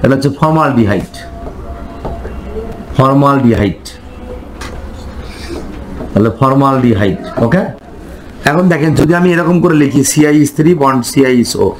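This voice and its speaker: A man's voice: fairly high pitch, poor audio. A man teaching chemistry, quizzing his students and answering his own questions. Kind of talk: classroom lecture.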